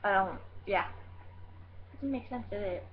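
A teenage girl in her bedroom answers questions for her vlog in a giggly, rambling, hyper, and scattered manner, speaking at a measured pace in a mid-range voice. Her computer webcam mic captures the sound with the highs cut off.

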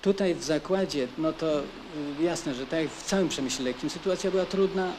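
A man's voice: fairly high pitch, moderate pace, a little mellow. A man employed at a factory, explaining things in an unscripted interview in a hesitant, roundabout way. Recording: noisy location sound.

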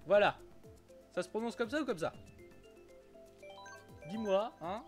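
Casting: male game streamer, high voice, rambling casual chat over faint game music. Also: expressive, measured pace. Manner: chatty, stumbling, repeats himself, swears casually. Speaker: Twitch streamer playing a kart racing game.

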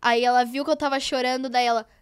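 A woman's voice: high voice, fairly even intonation, fast talker, clean tone. A young woman with a Brazilian Portuguese accent, a podcast guest telling stories in a bubbly, gushing way. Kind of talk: casual podcast chat.

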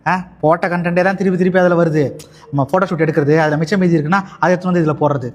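A man's voice: fairly high pitch, steady tone, racing. A man in a casual chat, explaining a bit of gossip and waving it off dismissively.

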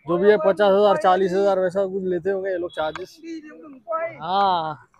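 एक युवा पुरुष ट्रैवल व्लॉगर, बाहर पर्यटन पार्क में कैमरे से बोलते हुए, उत्साह से बातें करता है और हिंदी में अंग्रेज़ी शब्द मिलाता है।. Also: male voice, high-pitched, moderate pace, creaky, a crowd in the background. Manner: chatty, excited, mixes English into Hindi. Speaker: travel vlogger. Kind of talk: casual travel vlog.

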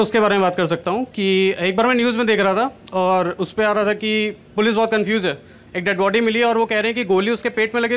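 A man's voice: high-pitched, a bit bright. Young man doing stand-up on a live stage. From Kanpur, India. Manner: chatty, self-deprecating punchlines. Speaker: stand-up comedian. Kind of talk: stand-up comedy set. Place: large stage at an event, indoors. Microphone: handheld mic.

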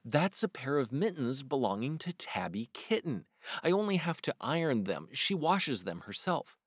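A man's voice: mid-range voice, big pitch swings, normal speed, no room sound, studio quality. A man reading a storybook aloud and voicing a humble little hedgehog washerwoman who keeps bobbing and repeating polite phrases. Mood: chatty.

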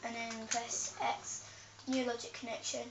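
Speaking at a measured pace, this young woman's voice is on the high side and shows little pitch movement. She talks through a game tutorial off camera, full of ums and self-corrections, captured by a camera aimed at a TV in the room. The camera audio sounds distant, dull, echoey, and noisy.

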